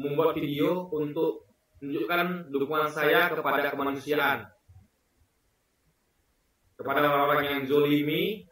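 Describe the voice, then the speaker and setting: A man's voice: a little high, sharp tone, recorded from a distance. Earnest man in a very echoey room. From Indonesia. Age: 40s. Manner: earnest, emphatic, repeats points. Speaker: vlogger. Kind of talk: casual spoken commentary to camera.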